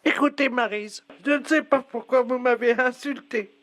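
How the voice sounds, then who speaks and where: A man's voice: very high-pitched, moderate pace, a bit bright, dry recording. A man playing a muddled, hard-of-hearing old woman with a hearing aid on a prank call, mishearing everything in a fussy, plaintive way. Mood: confused.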